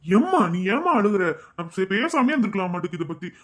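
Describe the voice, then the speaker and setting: A man's voice: high voice, big pitch swings, fast talker, fairly bright tone, full character voice. Man voicing an earnest young cartoon son. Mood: soothing. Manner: soothing, earnest. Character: young working son, mid-twenties, responsible and kind.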